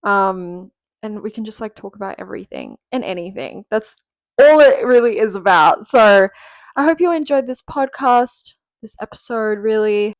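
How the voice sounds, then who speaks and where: Animated and at a moderate pace, a woman in her twenties hosts a casual solo podcast from home, her medium-pitched voice gravelly, fry-textured and a little nasal because she's sick. She chats and rambles with many fillers and laughs, in a close, dry recording with no room echo.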